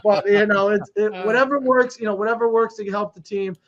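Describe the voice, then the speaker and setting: Casting: high-voiced male podcast co-host, rambling storyteller, slightly dull lo-fi sound. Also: steady tone, fairly quick. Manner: rambling storyteller, laughs often. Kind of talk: casual chat. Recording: dull lo-fi audio.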